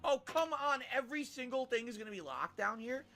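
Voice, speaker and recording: A man giving excitable, profane commentary as he plays a video game, breaking into loud outbursts and laughter. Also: very high voice, a little fast, loud music behind the voice. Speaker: gameplay streamer. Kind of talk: swearing let's-play commentary.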